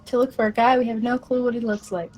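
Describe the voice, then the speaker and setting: A woman's voice: on the high side, level tone, quick pace, darkish tone, soft background music. A woman playing a tabletop game over voice chat, speaking in a dry, matter-of-fact way. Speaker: player. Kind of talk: tabletop role-play chat. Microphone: online voice chat.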